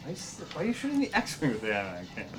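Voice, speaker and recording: A man's voice: mid-range voice, wildly swooping pitch, fast, crowd noise. A man reading a strategy guide aloud and teasing his friend over a flight game, laughing often. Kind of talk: playful banter over gameplay.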